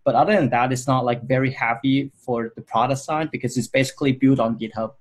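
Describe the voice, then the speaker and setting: A man in his thirties from Hong Kong discusses his design career in an interview, his medium-pitched, slightly rough voice steady in tone and fairly quick. He answers in a loose, rambling way, with frequent fillers and restarts.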